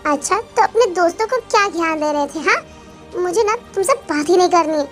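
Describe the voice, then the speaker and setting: A proud young wife who talks back with boastful, cutting lines, as a woman voices her in a fan-made dub. The voice is very high. Faint music sits underneath. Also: lively intonation, fairly quick, a bit bright. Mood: haughty. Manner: sassy, boastful. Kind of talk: Hindi fan dub acting.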